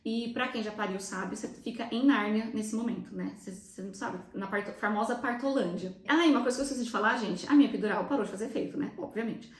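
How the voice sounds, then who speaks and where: A woman's voice: fairly high pitch, roomy sound. A young Brazilian woman with a Brazilian Portuguese accent telling viewers a personal story in a chatty vlog style, emotional and close to tears. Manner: chatty, fast, often addresses viewers directly. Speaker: vlogger recounting her birth.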